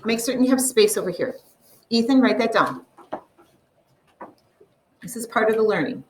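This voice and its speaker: A woman teaching a math lesson to a classroom, explaining step by step and slowly drawing out the numbers. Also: on the high side, expressive, distant mic, slight background noise, low-quality recording.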